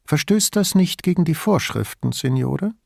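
A man's voice: on the high side, expressive, normal speed, creaky, a little mellow, no echo, clean studio sound, pitched above the performer's own voice, exaggerated voice. A man voicing a young, eager and deferential male police officer who speaks politely and modestly. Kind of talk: audiobook character voice.

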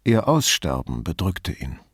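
A man reading an audiobook plays a reflective middle-aged police commissioner who talks in a measured, thoughtful way. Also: sits low, very animated, slightly rough, no room sound, clean studio sound, exaggerated voice.

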